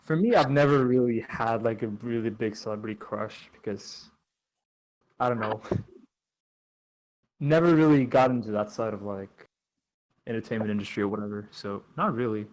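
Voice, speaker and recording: A young man hosting a casual podcast chat, playful and animated, laughing as he asks questions. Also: on the low side, normal speed, long pauses, rough recording. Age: young adult. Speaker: podcast host asking questions.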